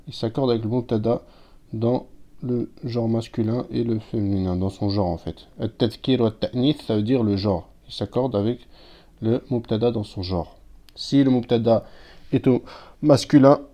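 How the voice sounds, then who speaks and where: A man's voice: mid-range voice, warm tone. A man teaching a recorded language lesson, patiently explaining step by step and reading out words with their translations. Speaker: Arabic teacher. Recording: dull lo-fi sound.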